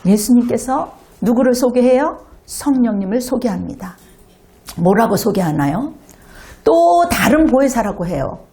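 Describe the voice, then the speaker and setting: A woman pastor delivers a lively sermon to her congregation in a church. Her voice sits somewhat high, and she slips into acted children's voices to make her points. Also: normal speed, creaky. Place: church sanctuary.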